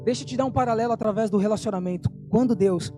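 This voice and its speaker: A man preaching a sermon, fervent and emphatic, slowing down on key phrases and telling a story. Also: high-pitched, over music.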